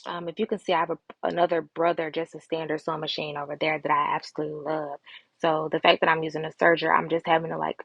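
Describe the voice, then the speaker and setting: A woman's voice: deep voice, flat delivery, quick pace, vocal fry, a bit bright, lo-fi sound. A woman giving a casual, chatty voice-over tutorial, her speech slightly slurred by a retainer she is wearing. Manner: chatty, informal, addresses viewers as y'all. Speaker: host of a sewing vlog.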